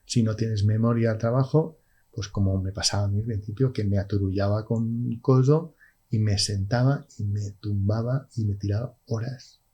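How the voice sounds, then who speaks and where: A middle-aged man, a podcast guest speaking slowly and haltingly with many restarts. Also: lowish voice, steady tone, dark tone, husky, dull audio. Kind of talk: casual conversation.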